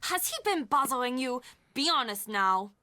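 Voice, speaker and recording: An actress voicing a warm, chatty middle-aged castle employee and aunt in a video game, expressive and confiding. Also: female voice, high-pitched, moderate pace, no echo, clean studio sound. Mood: candid.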